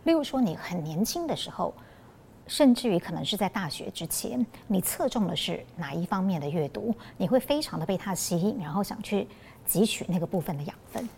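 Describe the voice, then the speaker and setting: Gravelly-voiced woman hosting an interview. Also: mid-range voice, animated, a little fast, a little mellow, slight background noise. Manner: attentive, frequent short affirmations, polite questions. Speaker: podcast host.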